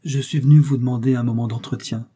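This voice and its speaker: An earnest, devoted young woman speaks in humble, pleading tones in this storybook reading, as a man reads her lines. The voice is dark and husky. Her words come out emotional and sincere. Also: medium pitch, steady tone, fast talker, natural voice.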